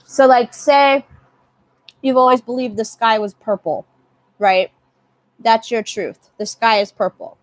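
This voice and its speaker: A young woman talks through a live tarot reading in a loose, chatty way, often saying the same line twice. Her voice sits a little higher than most women's. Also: measured pace, long pauses, no echo. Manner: chatty, repeats phrases, swears casually. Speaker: tarot reader.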